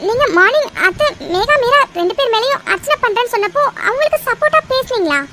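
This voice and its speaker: A woman's voice: very high-pitched, expressive, fast talker, background noise. A woman voicing a caring, questioning young wife in a cartoon drama. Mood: puzzled. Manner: soothing, inquisitive.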